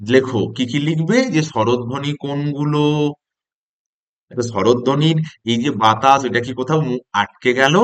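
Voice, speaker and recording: A man giving a model lesson, talking to imagined young pupils and then to trainee teachers, with slow, drawn-out stress on key words. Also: medium pitch. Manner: lively, animated classroom delivery to imagined children. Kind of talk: demo class for teaching-job candidates.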